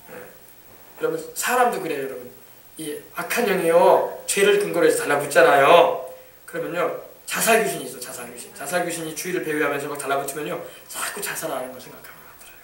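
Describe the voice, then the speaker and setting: A man preaching from the pulpit in a high, rapid voice, stressing words and shouting hallelujah between points. The sound comes from a distance in an echoey church hall. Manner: emphatic, repetitive, calls out hallelujah. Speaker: pastor. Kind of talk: sermon. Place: church sanctuary.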